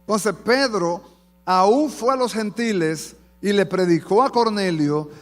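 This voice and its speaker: A pastor preaching a fervent sermon to his congregation in a church, addressing them warmly as beloved. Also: high voice, a little slow. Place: church sanctuary. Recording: long church hall reverb.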